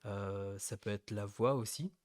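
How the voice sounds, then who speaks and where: A man co-hosting a webinar, explaining at a hesitant pace with many pauses and fillers. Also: fairly low pitch, dry recording, clean studio sound. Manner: hesitant, full of fillers and restarts, laughs easily. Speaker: co-host of a company webinar. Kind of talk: casual webinar chat.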